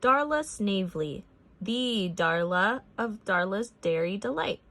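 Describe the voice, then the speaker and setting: This read-aloud of a children's picture book comes from a woman with a mid-range voice, narrating expressively and deliberately in a dry recording.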